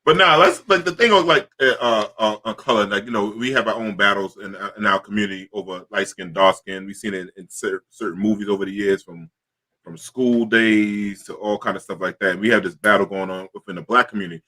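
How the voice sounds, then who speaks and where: A man hosting a casual talk show, chatting loosely with guests in a streetwise, excitable way. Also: on the low side, a little fast. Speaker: host.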